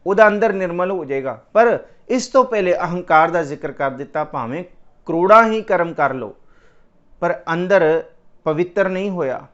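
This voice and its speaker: A man's voice: high-pitched, expressive, a bit bright, muffled recording. Man chanting and preaching a sermon. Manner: slow melodic chanting of verses between plain explanation. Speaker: Sikh scripture preacher. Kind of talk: devotional sermon with sung verses.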